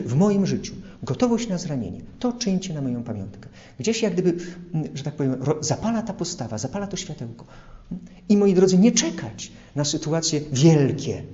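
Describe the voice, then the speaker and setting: A man's voice: fairly high pitch, warm tone, highs cut off. A man preaching an earnest sermon, illustrating his points with everyday examples. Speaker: priest.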